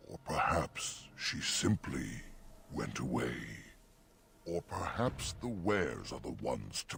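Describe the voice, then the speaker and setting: A gentle old talking oak from a fantasy game, gravelly, swaying lilt, talks in old-timey rhyming couplets. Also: male voice, rumbling low, a little hiss or hum, heavily acted. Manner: speaks in rhyming couplets with archaic wording. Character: ancient gentle talking oak tree, slow and solemn.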